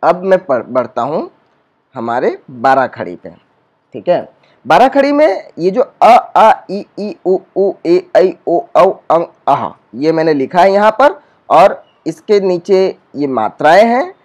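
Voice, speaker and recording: A male school teacher with an eastern Uttar Pradesh Hindi accent gives a patient whiteboard lesson, repeating points, posing rhetorical questions and stretching sounds slowly. His voice is high-pitched and darkish, with big pitch swings.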